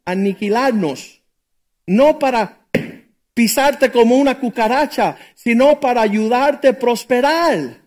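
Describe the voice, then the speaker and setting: Middle-aged male pastor with a strikingly high voice, preaching casually and quizzing the congregation. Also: slow pace, darkish tone. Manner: conversational preaching, rhetorical questions. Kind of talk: sermon.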